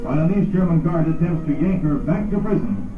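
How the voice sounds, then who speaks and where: A man's voice: fairly high pitch, animated, fairly quick, echoey room. A man narrating a 1960s newsreel in a dramatic announcer delivery, heard as an old newsreel soundtrack. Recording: tinny distant lo-fi film audio with loud music.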